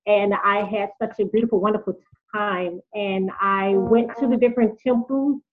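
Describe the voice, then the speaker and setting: A woman calling in to a live talk, speaking in a soft, unhurried, devotional way. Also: medium pitch, steady tone. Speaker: caller. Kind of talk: casual call-in sharing. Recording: phone line.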